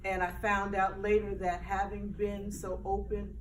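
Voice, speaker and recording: A woman's voice: mid-range voice, flat delivery, measured pace. A woman speaking at a book launch, earnest and holding back tears. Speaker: audience speaker. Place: book launch event room. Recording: distant mic with clear background noise.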